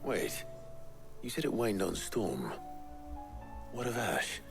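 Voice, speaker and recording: An actor playing a grave, commanding warrior leader in a fantasy video game. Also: male voice, fairly low pitch, sing-song, slow, gravelly, heavily acted. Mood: questioning. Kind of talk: dramatic video game acting. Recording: game music playing behind the voice.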